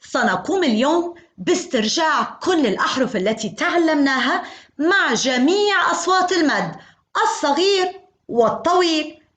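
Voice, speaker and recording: A woman teaching a phonics lesson to young children, sounding out syllables in slow, sing-song repetition. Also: high voice, animated, fairly bright tone. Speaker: kindergarten teacher.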